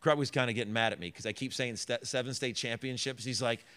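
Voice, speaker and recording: A middle-aged man speaks as a basketball head coach at a press conference. He talks earnestly into a table microphone, circling back on his words with fillers and restarts. His voice sits at an ordinary middle pitch. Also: steady tone, quick pace, pushed and bright, clean tone.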